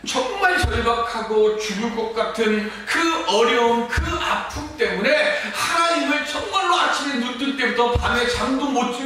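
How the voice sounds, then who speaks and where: A man delivering a Sunday sermon with a high, bright voice that leaps up and down in pitch. He swings between forceful emphasis and near-hushed passages. The room is very echoey, and he sounds a little distant from the mic. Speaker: pastor. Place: church sanctuary.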